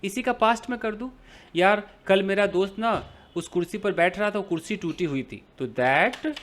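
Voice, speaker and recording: A man's voice: sits high, moderate pace, fairly bright tone, slight background noise. A man teaching an English grammar lesson in Hindi, explaining with everyday examples and asking and answering his own questions.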